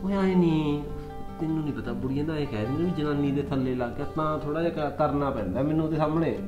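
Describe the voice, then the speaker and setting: A man's voice: fairly high pitch, fast, music in the background, natural voice. A young man playing a joking husband who wheedles and pleads to win over his sulking wife. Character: coaxing young village husband. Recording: echoey, slightly muffled.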